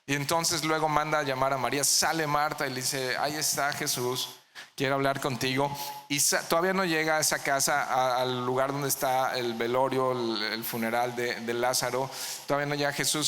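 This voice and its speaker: Bright-voiced pastor preaching in a hall. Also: male voice, medium pitch, slight background noise. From Mexico. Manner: asks the congregation questions, answers them himself. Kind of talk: verse-by-verse sermon. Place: church hall.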